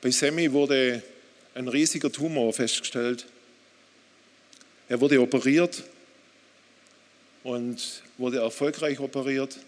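German-speaking preacher in a reverberant hall. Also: male voice, mid-range voice, steady tone, slow pace, pauses often. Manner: direct, addresses listener with questions; reads quotes aloud with rising intensity. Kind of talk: sermon.

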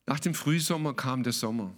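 A man's voice: medium pitch, moderate pace. A man preaching a sermon as a pastor, emphatic and colloquial, mixing in English words.

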